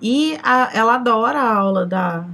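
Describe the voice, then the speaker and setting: A woman co-hosting a book-club podcast, adding thoughtful, measured comments. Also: a little high, animated, gravelly, bright, forceful tone. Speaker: podcast co-host. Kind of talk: casual book-club chat.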